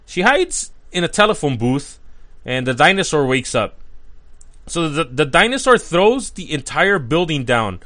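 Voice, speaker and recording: A man's voice: fairly high pitch, big pitch swings, unhurried, sharp tone. A man giving a casual, chatty commentary as he recaps a cartoon, full of enthusiasm and sprinkled with "like" and "uh.". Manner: enthusiastic and chatty, with frequent "like" and "uh" fillers. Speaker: cartoon reviewer.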